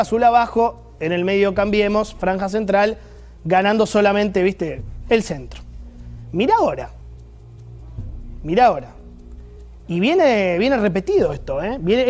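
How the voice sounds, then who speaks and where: A man's voice: sits high, darkish tone. A man with an Argentine accent delivering emphatic, sarcastic political opinion commentary as host. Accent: Argentine Rioplatense Spanish.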